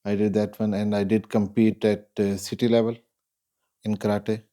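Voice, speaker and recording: A man from Pakistan, a guest recounting his life in a casual interview, measured and reflective with frequent pauses. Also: on the low side, little pitch movement, dark tone. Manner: measured and reflective, pausing often.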